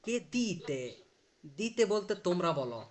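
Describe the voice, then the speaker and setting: A man's voice: sits high, big pitch swings, a little slow, a little mellow. A man teaching a live online language class, explaining patiently, drilling pronunciation and quizzing his student.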